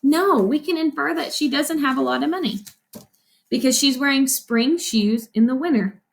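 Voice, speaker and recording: Her voice high and creaky, an elementary school teacher reads a picture book to children at a moderate pace. As she goes, she explains things and poses questions she then answers.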